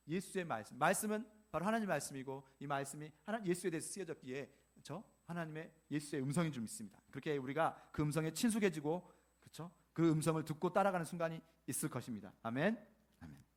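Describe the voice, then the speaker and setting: A male pastor delivering a conversational sermon, often checking in with the congregation with "right?" and reading scripture slowly. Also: on the high side. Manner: conversational preaching, keeps asking the congregation "right?"; reads scripture slowly and deliberately.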